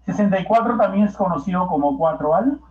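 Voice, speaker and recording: A male Peruvian Spanish math teacher gives a classroom lecture in a high, animated voice, speaking slowly and coaxing students with frequent rhetorical questions. The recording is echoey, dull, and lo-fi.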